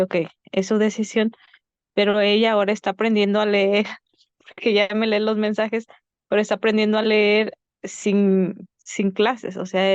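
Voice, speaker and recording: A woman's voice: mid-range voice, darkish tone, clear, resonant tone, no room sound. A mother telling family stories in a chatty way, full of fillers, over a video call. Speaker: parent participant. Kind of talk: casual storytelling. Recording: dull lo-fi call audio.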